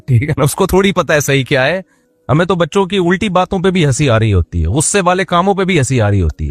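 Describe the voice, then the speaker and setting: A man's voice: a little high, no echo. A man giving a sermon in a conversational tone, joking and speaking straight to his listeners. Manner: conversational, jokes and asides to listeners. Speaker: Islamic preacher.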